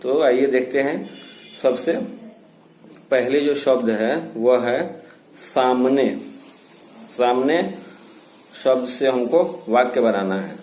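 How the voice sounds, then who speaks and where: A male school teacher giving a recorded class lesson, slowly repeating each word so pupils can copy it. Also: mid-range voice, a little mellow, roomy sound, a little hiss or hum, low-quality recording.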